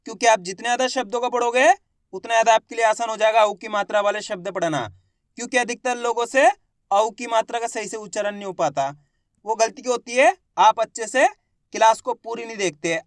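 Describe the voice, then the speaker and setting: A man teaching Hindi reading, slowly sounding out each syllable with emphasis and speaking directly to his viewers. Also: high-pitched, no echo, studio quality. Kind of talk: slow phonics lesson, sounding out syllables.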